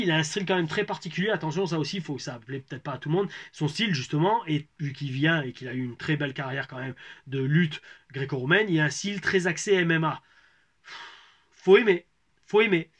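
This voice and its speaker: A man's voice: on the high side, expressive, fast, fairly bright tone. A man, a former pro wrestler from France, chatting casually as he reads out viewer questions and answers them. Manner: loose, conversational, reads questions aloud, many fillers and restarts. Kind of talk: casual Q&A chat.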